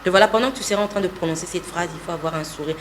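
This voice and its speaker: A woman's voice: on the low side, racing, a little hiss or hum. A woman, a voice-over artist, explaining her craft steadily and confidently in an interview. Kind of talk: interview conversation.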